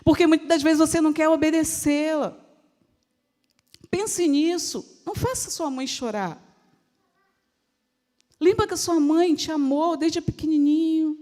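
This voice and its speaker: A woman's voice: sits high, measured pace, long pauses, dark tone. A middle-aged woman with a Brazilian Portuguese accent preaching a sermon in an emotional, pleading way, repeating phrases for emphasis. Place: church. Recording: church hall reverb.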